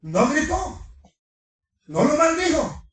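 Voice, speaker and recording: A middle-aged man preaching a sermon to his congregation, animated, firing rhetorical questions and slipping in humorous asides. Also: very high-pitched, slow. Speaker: pastor. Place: large congregation hall. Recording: echoey hall from far off.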